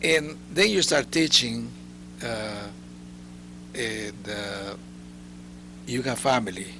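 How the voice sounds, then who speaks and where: A man's voice: medium pitch, takes it slowly, noisy background. A man hosting an interview, asking questions and giving short affirmations. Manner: warm backchannels, short affirmations. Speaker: interview host. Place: recording studio.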